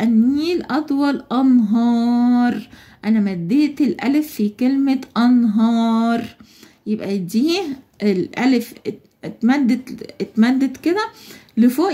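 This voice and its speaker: A woman's voice: on the high side, dark tone. A woman with an Egyptian Arabic accent explaining a schoolbook lesson to young children, patient and step by step, asking questions and answering them herself. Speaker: primary school teacher.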